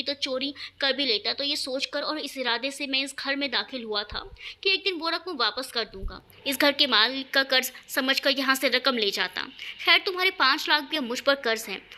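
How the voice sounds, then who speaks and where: Woman reading a proud young husband in an audio story, curt and harsh, bright high voice.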